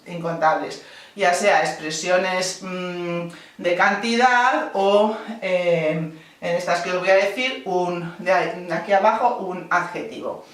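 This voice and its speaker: A woman teaching a grammar lesson, explaining patiently step by step and correcting herself as she goes. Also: on the low side. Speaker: English teacher. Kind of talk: classroom-style grammar lesson. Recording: very echoey room, voice from a distance off the mic.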